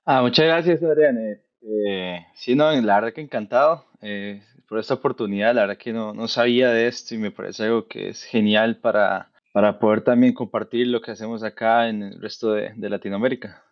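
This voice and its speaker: A man in his thirties from Costa Rica, a veterinarian guest, explaining his work in a relaxed, thoughtful, conversational way. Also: fairly low pitch, normal speed, hardly any pauses, no room sound, lo-fi sound. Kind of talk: casual conversational interview.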